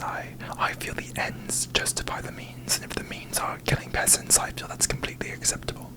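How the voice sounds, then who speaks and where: As parody, a man voices a haughty, bitter young fantasy queen, using pompous, formal diction in a breathy ASMR whisper. His natural voice also comes through, and the audio is poor.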